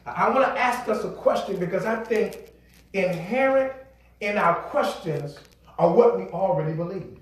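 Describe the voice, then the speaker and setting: High-voiced preacher in an echoey church. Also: male voice, lively intonation, normal speed. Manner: emphatic, builds to shouting, repeats words, call and response. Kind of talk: sermon. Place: church sanctuary. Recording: echoey hall, from a distance.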